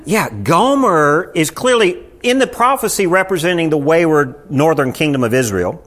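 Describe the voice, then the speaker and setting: A man's voice: fairly high pitch, animated, moderate pace, fairly bright tone. A man, a pastor, teaching a small Bible study group in a church room, keeps asking the room questions. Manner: asks the room frequent rhetorical questions. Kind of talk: conversational sermon.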